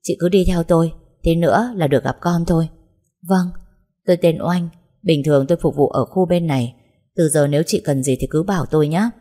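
A woman's voice: low-pitched, brisk, mellow. A woman voicing a polite, deferential housemaid who speaks respectfully to the heroine. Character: polite middle-aged female housemaid, deferential.

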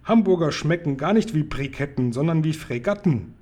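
A man voicing a big, friendly male giant who booms and muddles his words while reading a storybook aloud. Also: lively intonation, normal speed, darkish tone. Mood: boisterous.

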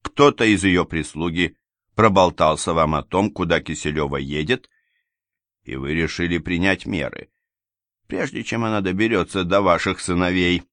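A stern provincial investigator presses his accusations with firm, controlled insistence, played by a man. His voice is very low and the sound is dry and close. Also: moderate pace, a bit bright, no room sound. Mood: accusing.

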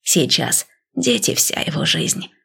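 A woman voicing a gentle, cautious male god who speaks in a soft, hesitant, reassuring way. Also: a bass voice, wildly swooping pitch, slow, gravelly, husky, pitched below the performer's own voice, exaggerated voice.

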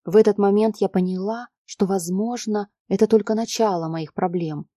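Woman reading a story out loud, warm dark voice, dry close sound, steady. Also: medium pitch, normal speed, dry recording. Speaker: audiobook narrator. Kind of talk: first-person scripted narration.

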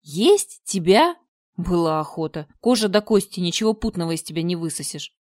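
A woman's voice: fairly low pitch, expressive, normal speed, no room sound, close to an everyday voice. Woman doing a sly ancient spider crone. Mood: mocking. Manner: murmuring, sly, clicking and smacking. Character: ancient female spider monster, grumbling, mocking. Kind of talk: audiobook reading.

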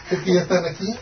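A man hosting a relaxed live-stream chat, joking with his co-hosts. His voice has a heavy hollow echo, as if he were shouting into a canyon. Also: very high-pitched. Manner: joking, easygoing, teasing co-hosts. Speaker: host. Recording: echoey, distant, dull lo-fi stream with background hiss.

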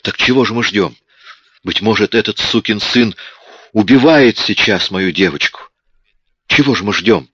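Male narrator as a huge desperate father, furious and pleading, deep voice, dull recording. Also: normal speed, pauses often, sharp tone, husky, dry recording. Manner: pleading then roaring in rage. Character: huge desperate man, father frantic for daughter.

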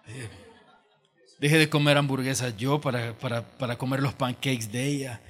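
A man's voice: medium pitch, steady tone, moderate pace, a bit bright. Man preaching in a church auditorium, chatty storytelling sermon, echo hanging in the hall. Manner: conversational storytelling, acting out quoted voices. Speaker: pastor.

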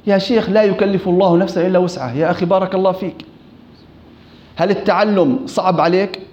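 A man with a Levantine Arabic accent and a fairly high voice teaches Quran recitation in an informal lesson. He recites verses slowly and corrects common mistakes, putting questions to his listeners. The sound is echoey and dull, like a lo-fi room recording. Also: a little mellow.

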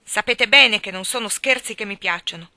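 A woman voicing a proud, lovesick young gentleman who speaks in a tense, clipped way. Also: medium pitch, moderate pace, no echo. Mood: cold anger.

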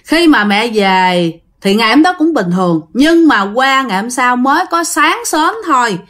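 A woman's voice: on the high side, expressive, normal speed, a bit bright. A woman with a Southern Vietnamese accent narrating a ghost story casually, addressing her listeners.

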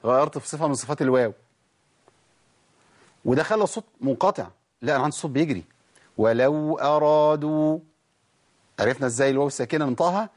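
An Egyptian man teaching Quran recitation in colloquial Arabic, asking questions and answering them himself, then reciting verse fragments slowly to show mistakes. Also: mid-range voice, husky. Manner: lively, asks and answers his own questions, demonstrates verses slowly. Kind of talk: colloquial Egyptian tajweed lesson.

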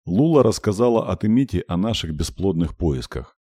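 A man narrating a first-person audiobook in an expressive, wry way. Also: low voice, moderate pace, husky, dry recording.

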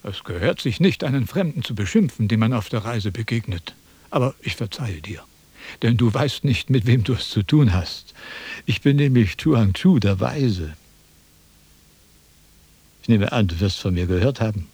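An actor playing a vain, pompous philosopher in a 1970s radio drama, lecturing and easily indignant. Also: male voice, on the low side, expressive, moderate pace, a little mellow, breathy edge, no echo. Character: vain, pompous old male Chinese philosopher.

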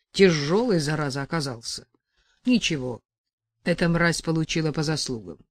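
A woman reading an audiobook and voicing a rough but caring young man who talks gruffly. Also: lowish voice, dry recording, studio quality. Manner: gruff, teasing.

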